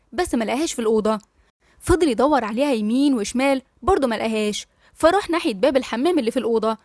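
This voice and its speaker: An Egyptian woman reading a novel aloud in a brisk, friendly manner as host of her story channel. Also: fairly high pitch, a little mellow, no echo, studio quality.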